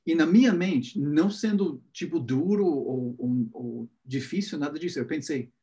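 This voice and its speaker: Lively English-accented man teaching. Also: a little high, normal speed. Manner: animated anecdotal storytelling. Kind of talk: casual spoken lesson.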